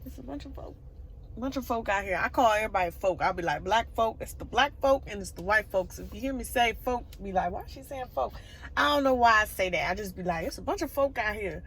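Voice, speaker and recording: A woman's voice: mid-range voice, animated, fast, a bit bright, a little hiss or hum. A woman in her twenties chatting casually to the camera on a phone while walking a wooded trail, laughing often. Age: 20s. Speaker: vlogger. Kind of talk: casual vlog chat.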